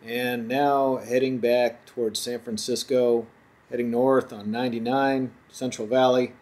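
A man's voice: mid-range voice, measured pace. Man narrating a road-trip voice-over. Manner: relaxed, chatty tour-guide narration. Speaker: travel vlogger narrating.

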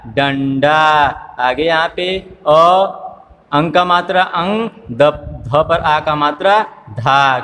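Man spelling slowly in a reverberant room. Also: on the high side, fairly bright tone, slight background noise. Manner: slow, drawn-out spelling aloud, syllable by syllable, with repeated questions. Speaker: teacher. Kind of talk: phonics lesson for small children.

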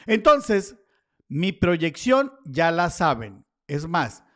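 A man with a notably high-pitched voice walks viewers through price charts in a chatty, informal way. He tosses in playful asides as he goes, keeping the commentary loose and conversational. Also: sing-song, very slow, a bit bright. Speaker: crypto chart analyst. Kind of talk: casual market commentary over charts.

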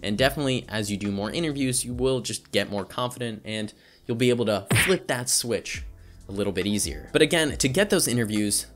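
A man's voice: mid-range voice, expressive, fairly quick, a bit bright, soft background music. A young man talking casually to camera in a vlog, chatty and rambling with lots of fillers, about his own experience. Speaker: YouTuber. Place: home setup. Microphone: studio microphone.

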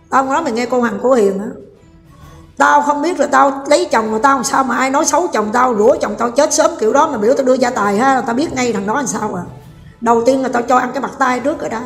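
A middle-aged woman ranting in heated, blunt commentary, scolding her listener with rough familiar talk. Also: a little high. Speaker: online commentator. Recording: echoey roomy recording with faint music.

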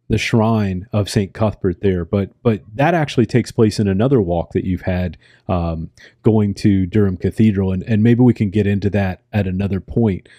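An American man hosts a podcast conversation in a warm, rather low voice. He talks in an unhurried, reflective way, often pausing to find the right word. The sound is dry and close. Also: no room sound. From United States. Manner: unhurried, reflective, searching for words. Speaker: podcast host. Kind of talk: casual interview conversation.

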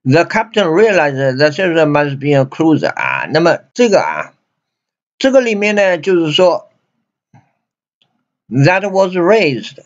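A man with a Chinese accent teaching an English grammar lesson, repeating himself and reading English lines slowly. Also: a little high, sing-song. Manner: repetitive, many fillers and restarts, reads English slowly. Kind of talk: grammar lesson explaining sentences. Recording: dull lo-fi recording.

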